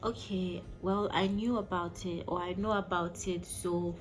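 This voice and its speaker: A woman's voice: lowish voice, fairly even intonation, unhurried, poor audio. A woman vlog host telling a personal story casually and emphatically, speaking directly to her listeners. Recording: background music behind the voice. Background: music.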